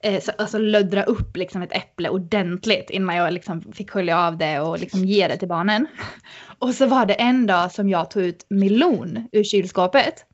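A woman guest on a podcast, telling a story in an animated, casual way with many fillers. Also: mid-range voice, highs cut off.

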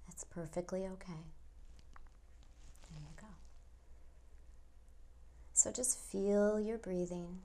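A woman guiding a hypnosis induction as a hypnotist, speaking in a soft, soothing near-whisper with long pauses. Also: mid-range voice. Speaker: hypnotist guiding a relaxation session.

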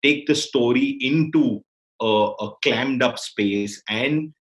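A filmmaker with an Indian accent talks reflectively in a slow, medium-pitched voice. He searches for words and repeats phrases as he thinks things through.

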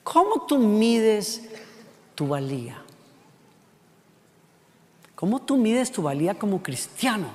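High-voiced Costa Rican preacher in a hall. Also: male voice, very animated, slow pace, pauses often. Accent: Costa Rican Spanish. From Costa Rica. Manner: rhetorical questions, shifting pace and loudness for emphasis. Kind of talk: sermon.

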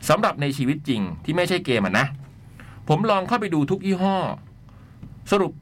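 A man's voice: sits high, sing-song, normal speed, slight background noise. A man hosting a radio talk show, reading a listener's letter with playful asides. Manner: playful, chatty, reads letters aloud with asides. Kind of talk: casual studio chat and reading listener letters.

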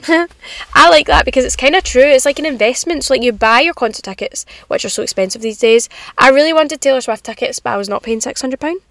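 A young woman talks in a fairly high voice, close and dry. She hosts a casual, confiding solo podcast full of animated slang and self-deprecating humour. She sits in a parked car with rain on the roof. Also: brisk, no room sound. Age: young adult. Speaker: podcast host.

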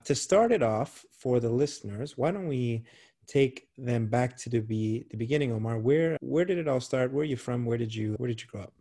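A man hosting a podcast, asking friendly questions in a halting way with repeated words. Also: mid-range voice, warm tone. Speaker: podcast host. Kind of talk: podcast intro and interview.

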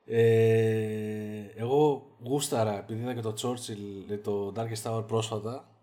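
A man co-hosting a podcast, talking casually, with lots of fillers and a slangy, animated manner. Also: on the low side. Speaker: podcast co-host. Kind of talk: casual chat.

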